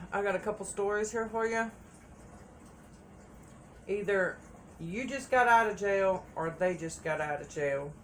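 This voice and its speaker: A woman's voice: lowish voice, a little hiss or hum. A woman giving a casual tarot reading, chatty and repeating phrases for emphasis. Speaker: tarot reader.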